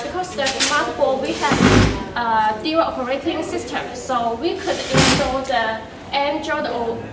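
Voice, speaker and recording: A young woman, a sales manager, walking a viewer through a factory workshop, talking with frequent fillers and restarts. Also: high voice. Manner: hesitant, many fillers and restarts. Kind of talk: walking factory tour presentation. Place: large indoor factory workshop. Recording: echoey workshop, distant mic, loud background hum.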